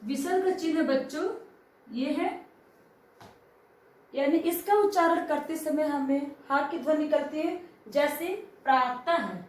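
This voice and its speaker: A high-voiced woman teaches a grammar lesson, asking children questions and then answering them herself. She sounds a little away from the mic, in a strongly echoing room with faint background hiss. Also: a little slow, pauses often, a little mellow, distant mic.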